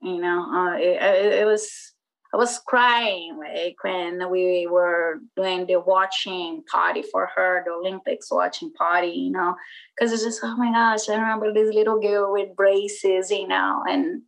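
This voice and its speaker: This rough recording captures a woman in her forties from Brazil, a skateboarder and former magazine publisher, speaking English as a second language with a Brazilian Portuguese accent. Her fairly low voice has vocal fry, fairly even intonation, and a measured pace. In a casual interview she wanders from point to point, sprinkling in plenty of "like" and "you know."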